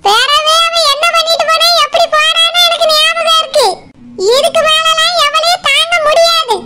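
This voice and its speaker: A woman's voice: very high-pitched, fairly even intonation, moderate pace, pushed and bright. A woman voicing a bossy, mocking village mother-in-law in a cartoon, speaking with a Tirunelveli Tamil accent. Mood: scolding.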